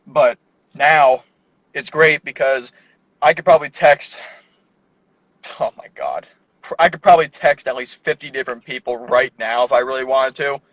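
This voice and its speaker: A man with a mid-range voice chats loosely as a guest in a casual conversation, peppering his speech with "like." He's inside a parked car, and the recording is dry, dull, and lo-fi.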